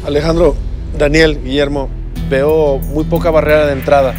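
A man with a Mexican Spanish accent, an investor on a TV panel, giving measured, critical feedback. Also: on the high side, level tone, over music. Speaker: investor judge. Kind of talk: TV business panel.

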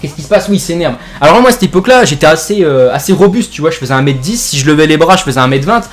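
A man's voice: on the high side, animated, rapid-fire. A young man from France, a gaming YouTuber, tells a made-up joke story over gameplay in rambling, jokey slang full of fillers.

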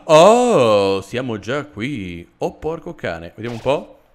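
A man with a sore throat giving sarcastic, animated commentary while playing a video game. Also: mid-range voice, slow, slight background noise. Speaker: let's play host. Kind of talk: gameplay commentary.

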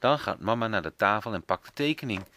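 Expressive man reading a children's book. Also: lowish voice, fast talker. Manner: expressive storytelling. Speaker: parent reading aloud.

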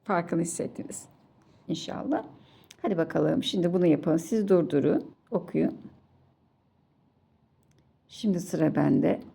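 A woman's voice: on the low side, a little slow, gravelly, pauses often, warm tone, breathy edge. A woman teaching children to read Quranic letters, patiently drilling syllables one by one and repeating each sound. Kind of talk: slow children's recitation lesson.

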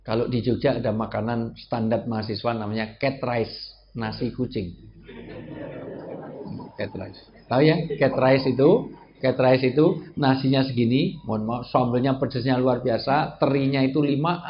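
A man's voice: medium pitch, fairly even intonation, normal speed. A male preacher, giving a humorous religious lecture, joking with the audience and acting out the people he quotes. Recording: dull lo-fi sound with faint noise.

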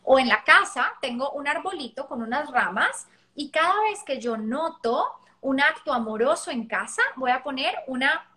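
A woman, a parenting educator talking on a live stream, lively and acting out little quotes. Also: sits high, moderate pace. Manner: lively, acts out child and parent voices.

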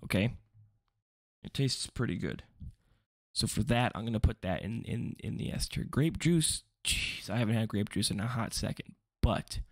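This young male vlogger has a medium-pitched voice with a gravelly, frayed edge, and he wanders through a casual video, breaking off mid-thought and dropping jokey asides. The audio is close and dry, with no room sound at all.

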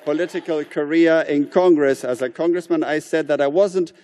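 A man interpreting a political speech live, in a measured, somewhat halting delivery. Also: on the high side, noisy background.

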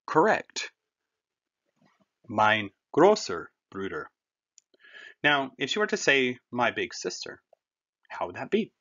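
A man walks learners through a German lesson in a patient, conversational way. His pitch rises and falls animatedly, and the recording sounds dull and lo-fi. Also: very animated, slow, pauses often, bright, forceful tone. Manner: patient, conversational, explains with everyday comparisons. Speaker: German teacher. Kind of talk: classroom language lesson.

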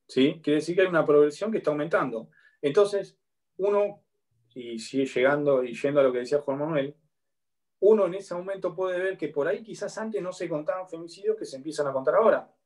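An Argentine law lecturer in his thirties gives an online university lecture over a video call, speaking into his laptop webcam from a home room with a bookshelf. His slightly high, darkish voice is expressive, he speaks with an Argentine Spanish accent, and his explanatory delivery is broken by frequent pauses to check in with students.

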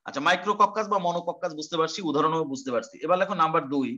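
Fast, bright-voiced man teaching a class. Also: a little high, lo-fi sound. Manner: explains step by step, repeats terms, asks rhetorical questions. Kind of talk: online class lecture.

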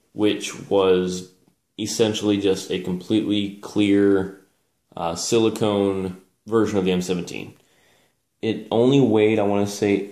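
Low-pitched man, rambling in an echoey room. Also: a little mellow. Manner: hesitant, rambling, self-correcting. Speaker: presenter reviewing collectible military gear. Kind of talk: casual unscripted show-and-tell. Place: small indoor room at a table. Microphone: camera mic, speaker off screen. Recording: roomy echo with background hiss.

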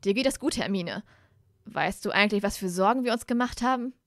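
A worried young wizard, voiced by a woman reading aloud, hesitant and a little lower than her own voice. The sound is dry and close, like a home audiobook. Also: a little fast, no room sound, close to an everyday voice. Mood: relieved. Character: worried young male wizard, best friend.

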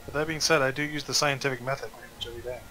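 A man leading a squad in an online shooter game, excitable and prone to shouting orders. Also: mid-range voice, racing, faint music behind. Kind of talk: casual gaming chat.

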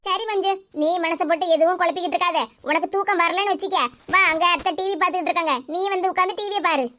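A woman voicing a caring elder sister-in-law in an animated cartoon comedy, speaking with a Kanyakumari Tamil accent. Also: very high voice, very fast. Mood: soothing.

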